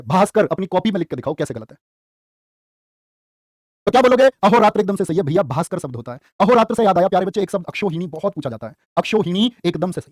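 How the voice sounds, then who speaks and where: A man teaching spelling in a lively live class, asking questions and quoting couplets. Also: sits high, no echo, clean studio sound. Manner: calls students "प्यारे बच्चे". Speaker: Hindi teacher for exam prep. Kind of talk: live online exam-prep class.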